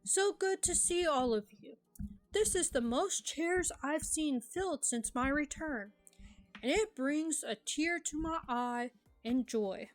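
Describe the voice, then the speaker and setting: A woman reading aloud, voicing a smooth, courteous male god. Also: high voice, animated, slow pace, soft background music, rough recording.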